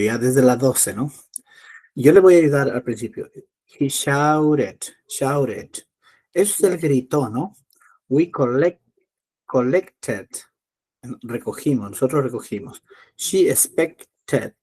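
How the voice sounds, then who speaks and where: A man teaching an English class in Spanish, patiently repeating words slowly to drill pronunciation. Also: mid-range voice, a little mellow, husky.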